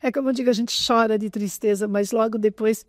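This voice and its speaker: A woman's voice: a little high, fast talker, no room sound. Older woman telling an emotional story. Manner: animated, often close to tears. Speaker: interview guest, association president.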